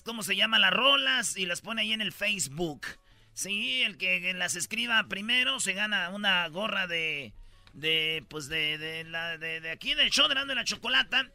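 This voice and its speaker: A man with a Mexican Spanish accent hosts a comedic radio show in a rowdy, joking way. His voice sits high and sounds bright and sharp. He keeps acting out little scenes for laughs. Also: no echo.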